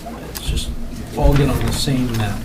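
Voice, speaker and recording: A man's voice: medium pitch, measured pace. Distant American man chairing a meeting. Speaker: review board chair running a public hearing. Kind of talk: procedural meeting talk. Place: public meeting room with room microphone. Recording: distant mic, noisy meeting room.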